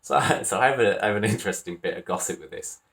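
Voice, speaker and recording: This is a man with a broad Wakefield accent hosting a reaction video. His voice sits low, and he rambles in a relaxed, chatty way. He breaks into easy chuckles as he goes. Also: racing, creaky. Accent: Wakefield, Yorkshire. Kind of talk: casual reaction commentary.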